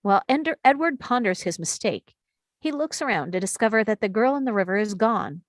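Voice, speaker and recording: A woman reading stage directions aloud in a table read, steady and clear. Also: mid-range voice, brisk, dry recording, clean studio sound.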